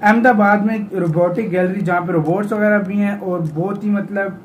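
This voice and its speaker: A man from Pakistan co-hosts a reaction video in a relaxed, chatty way. His voice sits high and he bursts into quick exclamations. A faint hiss runs under the recording. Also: lo-fi sound. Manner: excitable, exclaims often. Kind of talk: casual reaction chat.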